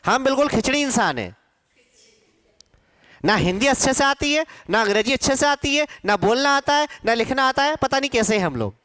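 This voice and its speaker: A man teaching a Hindi class, slowly stretching and repeating syllables to drill pronunciation, and emphatically scolding students about common mistakes. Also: very high voice, lively intonation, sharp tone, no echo. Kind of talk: classroom lecture for exam students.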